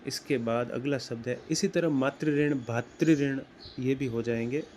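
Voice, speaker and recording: A man teaching grammar, explaining slowly and deliberately and repeating words as he writes them out. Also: mid-range voice, a little mellow, slight background noise. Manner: slow and deliberate, repeats words while writing. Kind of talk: explaining at a whiteboard.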